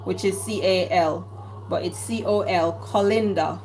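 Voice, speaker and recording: Talking herself through her cooking in a home kitchen, a Jamaican-accented woman keeps her casual vlog chatty, her lowish voice somewhat mellow and measured. The rough recording carries faint music plus the clatter of dishes and cutlery.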